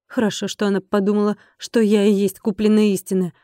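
A woman's voice: mid-range voice, little pitch movement, quick pace, dark tone, no room sound, clean studio sound, natural voice. A woman reader voicing a blunt, practical young serving girl who speaks in a matter-of-fact way. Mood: dismissive.

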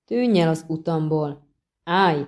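A swaggering young thug hurls insults and challenges in a raised, jeering voice, as a woman narrator puts him on. The tone sits low and dark, pushed louder at the threats. It is an audiobook scene. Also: close to an everyday voice. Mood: taunting, shouting. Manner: taunting, shouting, spitting insults. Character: brash young male thug picking a fight.

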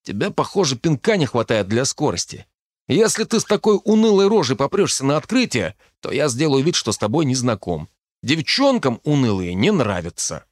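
A man voicing a brash, crude teenage boy at a magic academy, loud and impatient, teasing his friend. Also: medium pitch, big pitch swings, moderate pace, dry recording, studio quality, pitched above the performer's own voice. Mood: mocking, rowdy. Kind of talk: audiobook character voice.

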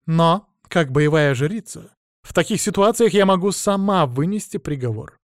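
A man's voice: fairly high pitch, lively intonation, normal speed, no room sound, studio quality, voice pushed up, lightly acted. A man voicing a proud, stern woman who is a battle priestess, lecturing righteously in an audiobook.

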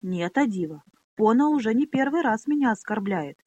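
A woman's voice: a little high, animated, moderate pace, darkish tone, no room sound. A woman voicing a proud, fierce young girl speaking defiantly. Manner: defiant, angry.

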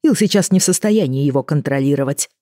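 A woman doing a cool, quiet courtier. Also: low-pitched, expressive, fast, no room sound, clean studio sound. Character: cool, composed male courtier.

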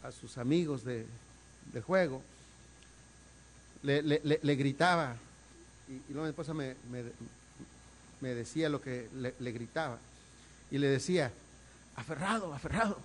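A man preaching a sermon as pastor, swinging from quiet asides to loud, emphatic calls and repeating words for emphasis. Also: mid-range voice, unhurried, long pauses, slight background noise.

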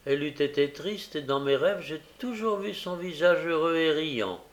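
A man's voice: on the high side, animated, moderate pace, voice pushed up, natural voice. A man voicing a weak, feverish young boy in a read-aloud novel, speaking faintly and wistfully. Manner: faint, wistful, soft-spoken. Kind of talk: audiobook character reading.

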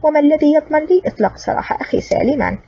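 A woman's voice: high voice, animated, very fast, warm tone, voice pushed up. A woman voicing a cool, sarcastic man, the hero of an audiobook adventure, speaking with cold mockery. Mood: cool sarcasm. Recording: distant, dull lo-fi recording.

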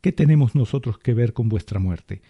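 A man's voice: mid-range voice, lively intonation, moderate pace, mellow, breathy edge, no room sound, lo-fi sound. A man voicing a firm, insistent military major. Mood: urgent. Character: stern male military major.

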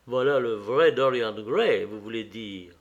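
A man reading a novel aloud, voicing a witty, cynical aristocratic gentleman with a wry, mocking manner. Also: medium pitch, a little slow, lo-fi sound, close to an everyday voice.

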